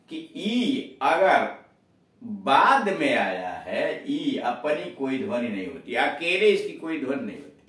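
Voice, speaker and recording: A man's voice: a little high, a bit bright, far from the mic. A man teaching an English pronunciation lesson, explaining rules step by step and spelling words out letter by letter. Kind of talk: spoken grammar lesson. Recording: echoey room, voice off-mic.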